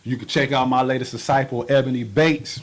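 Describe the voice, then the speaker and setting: A man's voice: mid-range voice, steady tone. Male radio co-host. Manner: preachy, drifts into slow solemn spiritual talk. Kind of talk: casual radio banter. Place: radio studio.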